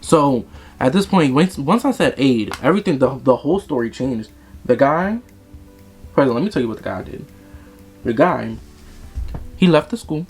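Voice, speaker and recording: An animated young man spins a casual, swear-filled story as he does his makeup, talking at a middle pitch. Faint music plays behind him. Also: moderate pace, long pauses, slightly rough. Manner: animated, profane and dramatic. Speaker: vlogger.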